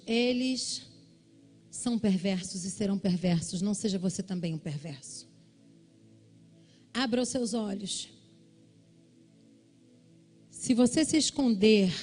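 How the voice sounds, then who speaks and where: A woman pastor from Brazil preaching a sermon, telling a family story and acting out the shouting relatives in a high voice. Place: church service.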